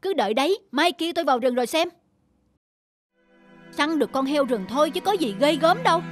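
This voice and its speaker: Over background music, a woman voices a young male hunter in an animated folk tale: dramatic, boastful, scornful and guilt-ridden, prone to exclamations and talking to himself. Her voice is high and brisk.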